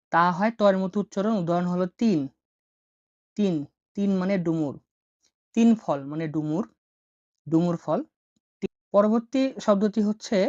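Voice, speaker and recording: A woman teaching the letters of a language slowly, repeating each example word several times with patience. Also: lowish voice, darkish tone, no room sound. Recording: dull, muffled dry sound.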